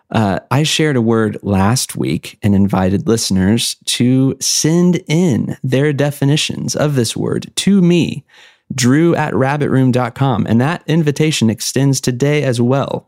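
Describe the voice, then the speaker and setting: A man's voice: medium pitch, darkish tone, no echo, clean studio sound. A man hosting a podcast in a playful, conversational, casual way. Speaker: podcast host. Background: acoustic guitar music.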